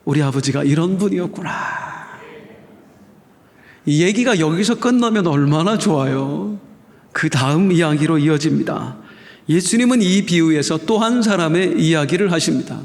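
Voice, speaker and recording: A man's voice: a little high, expressive, moderate pace. A male pastor preaching a dramatic sermon to his congregation in a church. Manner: dramatic, rising and falling, addresses the congregation. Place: church sanctuary. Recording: echoey hall.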